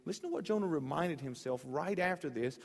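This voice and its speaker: A young male preacher delivering a sermon in church, his voice a touch higher than most men's. He tells stories with real swings, booming one moment and dropping low the next. A long reverb trails behind him. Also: animated, a little fast. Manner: storytelling, swings from loud to quiet. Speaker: pastor.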